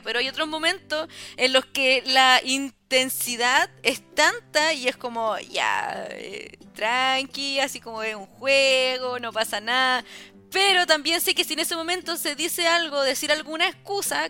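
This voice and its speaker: A young woman with a Chilean accent, co-hosting a podcast in casual chat, animated and tagging her phrases with questions. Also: high-pitched, moderate pace, hardly any pauses, soft background music. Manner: animated, tag questions after every phrase. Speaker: podcast co-host.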